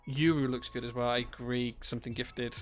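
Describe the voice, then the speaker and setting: A man's voice: medium pitch, little pitch movement, fairly quick, soft background music. A man hosting a live stream, chatting casually, reading out viewer chat and thanking people as he works. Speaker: livestream host building keyboards.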